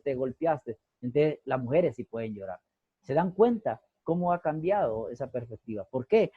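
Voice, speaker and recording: Male teacher, fairly high husky voice, repeats his points, dull video-call sound. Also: warm tone, no echo. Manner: asks rhetorical questions and repeats key phrases. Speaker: sociology teacher. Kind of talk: online class lecture.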